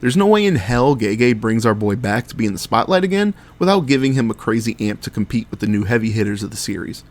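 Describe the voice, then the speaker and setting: A man's voice: fairly low pitch, sing-song, fast, hardly any pauses. A man hosting a scripted video review as commentary, speaking in an enthusiastic, slangy fan manner. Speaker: YouTube reviewer, host.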